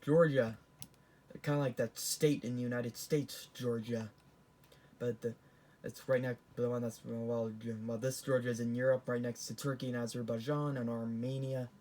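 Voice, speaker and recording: A man's voice: mid-range voice, level tone, moderate pace, darkish tone. A teenage boy giving casual, rambling commentary as he ranks things on a tier list, often restarting and correcting himself. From Canada. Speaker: vlogger.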